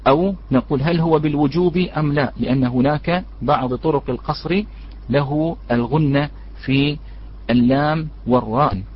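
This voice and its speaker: A man's voice: a little high, normal speed, slight background noise. A man teaching a religious lesson on recitation rules, addressing his listeners as brothers and asking them questions before answering. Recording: dull lo-fi recording.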